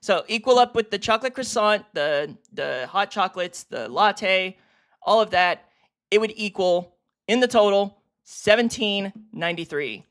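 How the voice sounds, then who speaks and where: Here a streamer gives relaxed, cursing reaction commentary while putting a video series in ranked order. His voice sits in the mid range, and he's excitable, laughing at the slightest thing.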